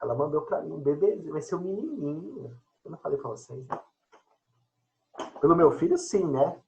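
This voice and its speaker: A man's voice: fairly high pitch, animated, fairly quick, gravelly, dull audio. A man teacher chatting casually and joking with his students during an online class.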